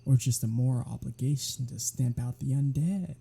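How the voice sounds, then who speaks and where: A performer voicing a teasing, unrepentant vampire in an ASMR roleplay audio drama, with a husky, breathy voice and a sardonic, casual manner. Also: medium pitch, moderate pace. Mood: argumentative, sardonic. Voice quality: husky, breathy, dark-toned. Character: teasing, unrepentant vampire predator travelling with human hunter.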